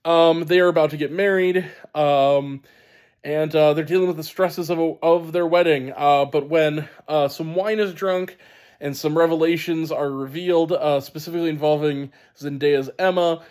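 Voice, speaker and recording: A man with a fairly high voice reviews films casually. He sounds wheezy and stuffed up in the sinuses, and he talks emphatically with a halting, unscripted flow. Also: steady tone, a little mellow, clear, resonant tone. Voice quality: wheezy, congested voice. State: sinus congestion. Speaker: film reviewer. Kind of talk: casual spoken movie review.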